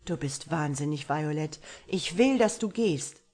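A woman voicing a proud, hot-tempered gentleman. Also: low voice, normal speed. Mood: flehend. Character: commanding wealthy gentleman, proud and passionate.

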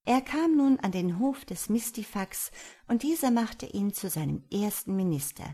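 A woman narrating a fairy tale in a calm, measured storybook reading. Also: mid-range voice, husky.

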